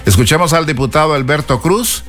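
A man's voice: fairly high pitch, lively intonation, fairly quick, a bit bright. Male news reporter over faint music.

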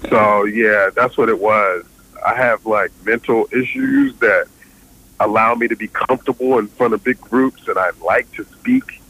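A man, a stand-up comedian guest, joking with deadpan delivery and lots of fillers. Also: lowish voice, measured pace, low-quality recording. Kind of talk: joking interview banter.

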